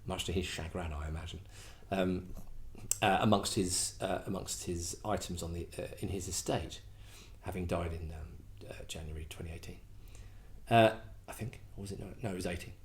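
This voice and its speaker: Speaking at a moderate pace in a low voice, this English host, middle-aged, chats casually through a request show. His talk wanders, self-deprecating and packed with restarts and filler words.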